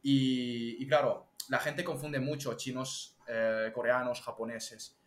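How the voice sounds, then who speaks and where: A young man from Spain, a TikTok strategist, chatting as an interview guest and explaining things lively with examples. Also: mid-range voice, slow pace. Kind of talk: casual interview chat. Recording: echoey room.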